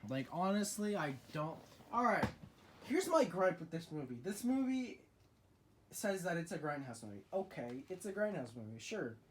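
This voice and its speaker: A man's voice: fairly high pitch, sing-song, normal speed, slight background noise. A young man in a casual vlog, talking through his horror movie collection in an opinionated, chatty way with frequent restarts.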